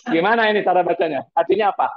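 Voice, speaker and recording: High-voiced lecturer, tinny phone-like sound. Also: male voice, rapid-fire. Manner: prodding, teasing, repeats questions. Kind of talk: university lecture with class questioning.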